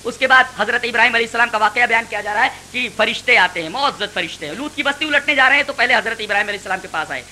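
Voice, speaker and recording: A man's voice: extremely high pitch, hardly any pauses, sharp tone, slight background noise, poor audio. A man giving a Quran commentary lecture, preaching emphatically with rhetorical questions.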